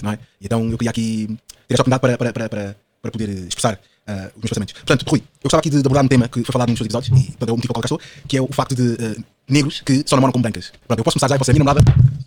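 Here a man in his twenties, a podcast guest, speaks in a mid-range, slightly mellow voice. His casual, rambling talk carries a European Portuguese accent and is thick with Lisbon slang, fillers, and tag questions.

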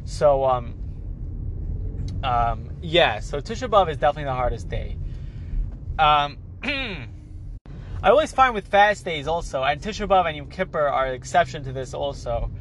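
The recording is rough, with a little hiss or hum. A congested man with a fairly bright voice on the high side hosts a casual podcast alone, talking at normal speed with big pitch swings and long pauses. Nasal from his cold, he rambles, stumbling and repeating words as he begins sentences again.

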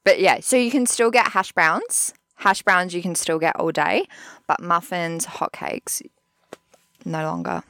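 An Australian woman co-hosting a podcast, telling a story in animated, casual chat and swearing freely. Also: fairly low pitch, measured pace, dry recording, clean studio sound. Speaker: podcast co-host.

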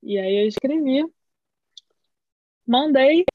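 Woman podcast co-host, rambling animated storyteller, a bit high, dry muffled sound. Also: slow pace, no echo. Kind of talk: casual chat.

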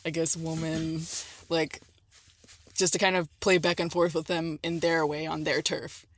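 A woman's voice: sits low, level tone, measured pace, no room sound. A woman on a discussion panel, speaking casually and personally in reflective, somewhat tentative phrasing. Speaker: podcast panelist.

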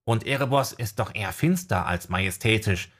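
A man's voice: lowish voice, lively intonation, moderate pace, a bit bright. A man voicing a small, fussy, know-it-all male owl familiar in an audiobook, in a raised, pedantic voice. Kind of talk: audiobook character voice.

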